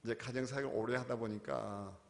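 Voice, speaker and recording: Impassioned preacher in a reverberant church. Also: male voice, mid-range voice, fairly even intonation, a little fast. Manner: impassioned, swings from quiet to shouted cries. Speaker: pastor. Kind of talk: sermon. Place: church sanctuary. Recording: long reverb of a church hall.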